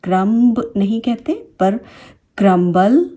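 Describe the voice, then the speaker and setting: A woman's voice: medium pitch, expressive, normal speed, warm tone, breathy edge. A woman with an Indian English accent teaching a phonics lesson, saying each example word twice and explaining the rules patiently.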